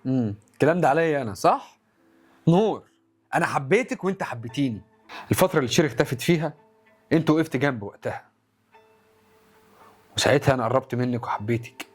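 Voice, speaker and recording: An actor playing a defensive young husband in a comedy sketch, speaking bluntly and curtly with an Egyptian Arabic accent. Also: male voice, mid-range voice, lively intonation, breathy edge, faint music behind. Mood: tender. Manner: rapid, curt and defensive.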